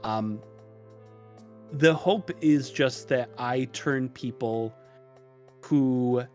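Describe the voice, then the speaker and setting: Speaking extremely slowly in a mid-range voice, a man who runs a tutorial channel explains things in a rambling, hesitant way. It's a casual podcast interview with music mixed underneath.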